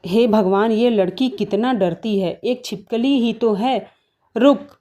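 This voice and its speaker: A woman's voice: on the high side, slow, dark tone. A woman voicing a bossy, stubborn middle-aged mother-in-law in a cartoon story, talking in a scolding, dismissive way.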